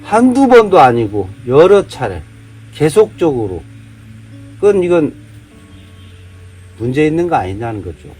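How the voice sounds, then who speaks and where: A man's voice: a little high, very animated, unhurried, pauses often, a little mellow, breathy edge, soft background music. A man from Jeolla giving a heated monologue, firing off rhetorical questions. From Jeolla, South Korea. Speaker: vlogger. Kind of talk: casual monologue, day-drinking rant.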